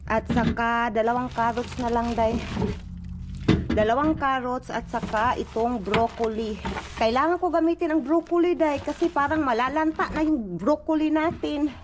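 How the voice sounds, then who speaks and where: Chatty high-voiced vlogger mom. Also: female voice, moderate pace, noisy background. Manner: chatty, keeps addressing viewers as "day" and "inday". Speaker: vlogger mother. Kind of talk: casual home vlog chat. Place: at home indoors.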